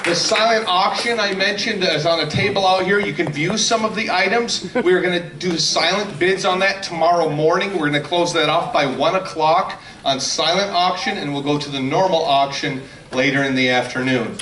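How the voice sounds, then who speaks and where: A man's voice: fairly high pitch, normal speed, bright, forceful tone, a little hiss or hum. A man making event announcements to a convention audience in a plain, businesslike way. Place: convention hall. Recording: echoey hall, distant mic, crowd behind.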